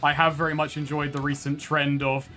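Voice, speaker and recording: Male game streamer, slightly high voice, quick to laugh and curse, faint music behind. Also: little pitch movement, sharp tone. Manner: swearing, laughing, playfully exasperated. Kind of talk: casual chat while streaming a game.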